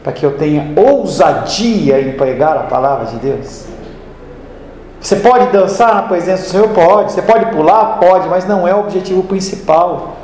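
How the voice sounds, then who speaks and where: A man's voice: high voice, animated, moderate pace, darkish tone. Guy preaching, chatty with little stories, roomy echo and faint hiss. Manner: conversational, tells homely anecdotes. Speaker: pastor. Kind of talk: sermon. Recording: echoey hall with faint noise.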